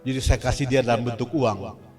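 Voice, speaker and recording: A man's voice: medium pitch, brisk. A male pastor preaching a sermon, telling personal stories and acting out the dialogue. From Indonesia. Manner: animated, acts out quoted dialogue. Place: church service hall. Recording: distant mic with faint music behind.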